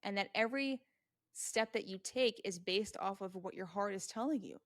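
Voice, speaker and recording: A woman's voice: mid-range voice, moderate pace, no room sound, studio quality. A woman hosting a solo motivational podcast. She talks earnestly and emphatically, repeats key points and speaks straight to the listener. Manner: addresses the listener directly and answers imagined questions. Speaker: podcast host.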